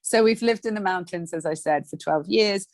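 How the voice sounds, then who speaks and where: A woman's voice: mid-range voice, normal speed, no echo. A woman guest on a podcast interview, chatting casually and animatedly about her life and work. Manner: chatty, animated, acts out little scenes. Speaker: guest coach.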